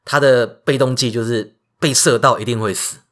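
Lively Taiwanese-accented man telling myths. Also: mid-range voice, moderate pace. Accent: Taiwanese Mandarin. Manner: lively, jokey retelling of myths. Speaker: podcast host. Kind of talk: casual storytelling podcast.

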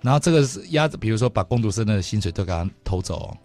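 Fast-talking Taiwanese Mandarin radio host. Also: male voice, fairly low pitch, faint music behind. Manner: fast, animated storytelling with laughs. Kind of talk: casual radio chat. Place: radio studio.

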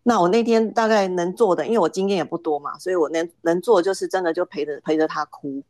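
Middle-aged woman, low voice, dry close sound, hesitant guest telling a story. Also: fast, a little mellow, dry recording. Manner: hesitant, repeats words as she starts. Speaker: podcast guest. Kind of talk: casual storytelling.

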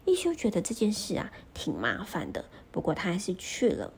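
A woman narrating a children's story in a gentle manner, speaking to the young listeners with drawn-out particles. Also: on the low side, wildly swooping pitch, creaky, a little hiss or hum.

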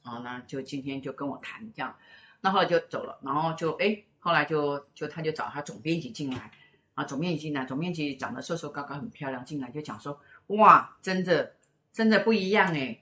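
Low-voiced middle-aged woman telling stories. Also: quick pace. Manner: rambling, many fillers and repeated words. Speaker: co-host and spiritual teacher. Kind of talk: casual storytelling chat. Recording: roomy echo.

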